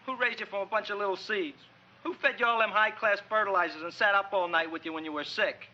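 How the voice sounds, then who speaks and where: A man's voice: high voice, fast talker, pushed and bright. An actor playing a meek, flustered, eager young man with an American accent in a 1960s comedy film. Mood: exasperated. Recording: dull old film soundtrack, faint music.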